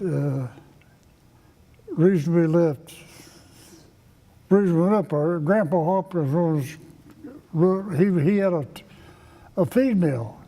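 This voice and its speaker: An elderly man from Kentucky with an Appalachian accent, casually reminiscing in a folksy, halting way as he repeats phrases. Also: on the high side, dark tone. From Kentucky, United States. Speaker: interviewee recalling childhood. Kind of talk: casual oral-history reminiscence. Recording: echoey reverberant room.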